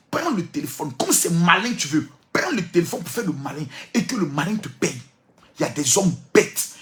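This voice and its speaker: A man's voice: fairly high pitch, fairly bright tone. A man preaching a fiery, scolding sermon rant, repetitive and mocking.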